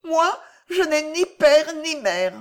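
A woman's voice: sits high, sing-song, takes it slowly, pitched above the performer's own voice, full character voice. A woman reading an audiobook and voicing a small, lonely orphan boy who asks pleading questions. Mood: plaintive questioning.

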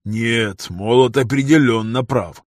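A man voicing a stern, weary male owner of gladiators in an audiobook, speaking slowly and loudly with a husky voice. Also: mid-range voice, no room sound, studio quality, natural voice. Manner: slow, stern, loud and commanding. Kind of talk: audiobook character voice.

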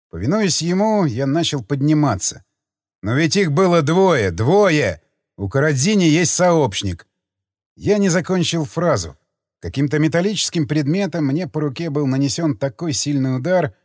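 A man narrating a thriller audiobook in the first person, with expressive, tense storytelling. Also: fairly high pitch, no room sound, studio quality.

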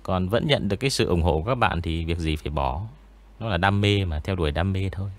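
Deep-voiced man, rambling. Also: fast. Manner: relaxed, rambling, many fillers. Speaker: ghost story narrator. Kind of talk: casual interview chat.

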